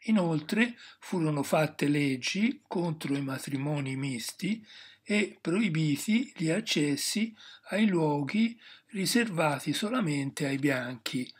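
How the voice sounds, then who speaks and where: A man from Italy reading a scripted travel narration in a measured, informative way. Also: on the high side, breathy edge.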